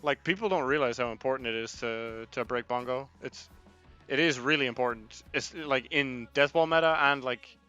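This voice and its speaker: A man's voice: medium pitch, normal speed, sharp tone, smooth, highs cut off. A young man, a team coach, talking casually through match footage on a livestream, chatting with viewers and swearing now and then. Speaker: esports head coach reviewing match footage. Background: faint music playing.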